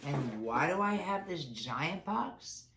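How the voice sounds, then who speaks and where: A beauty vlogger reviews subscription boxes in a casual, chatty unboxing, her voice nasal from a cold. She sits low in pitch with lively intonation and a slow pace, speaking candidly and grumbling about the packaging. The room is echoey with faint noise.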